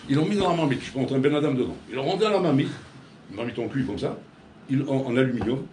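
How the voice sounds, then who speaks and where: Animated rabbi in an echoey room. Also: male voice, mid-range voice, fast, slight background noise. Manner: storytelling with acted dialogue, swings between loud and hushed. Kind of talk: animated sermon. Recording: echoey room with faint ambience.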